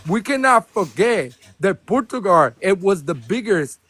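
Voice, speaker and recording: A man's voice: sits high, very animated, a little slow. Impassioned man calling in. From Puerto Rico. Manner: impassioned, repeats himself. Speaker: caller. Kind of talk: heated debate on a live stream.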